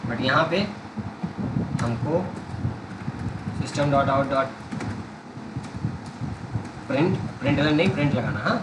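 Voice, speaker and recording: A man's voice: medium pitch, drawn-out words, long pauses, background noise. Man teaching code in an echoey room. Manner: explains step by step, asks students to follow along. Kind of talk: coding tutorial.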